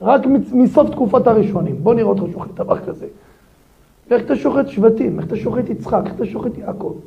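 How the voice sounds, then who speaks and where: A man, a rabbi, giving a daily Torah lesson in a lively way, firing rhetorical questions at his listeners. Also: very high voice, creaky. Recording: dull lo-fi recording.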